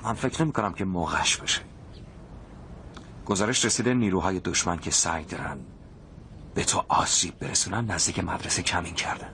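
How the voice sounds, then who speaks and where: A man voicing a gentle city doctor in a dubbed drama, trying to calm people down. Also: low voice, pauses often, slight background noise. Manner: calming and soothing.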